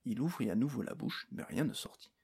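A man narrating a fantasy novel aloud, expressive, doing many character voices. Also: medium pitch, brisk, creaky, husky. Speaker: audiobook narrator. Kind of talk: storybook reading.

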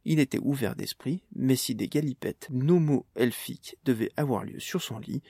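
A man reading a storybook aloud, steady and measured. His voice carries a gravelly texture and sounds dry and close, with no room around it. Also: medium pitch, no room sound. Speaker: narrator. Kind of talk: storybook narration.

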